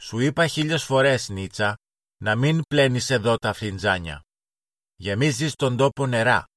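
A man's voice: mid-range voice, animated, a bit bright, dry recording, clean studio sound, voice pushed up, lightly acted. A man voicing a strict, bossy older girl in a children's storybook reading, scolding her younger siblings. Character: bossy older girl, stern big sister.

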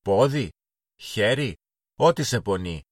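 A man's voice: lowish voice, expressive, dry recording, studio quality, natural voice. A man voicing a strict, bossy older girl in a children's storybook reading, scolding her younger siblings. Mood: earnest. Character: bossy older girl, stern big sister.

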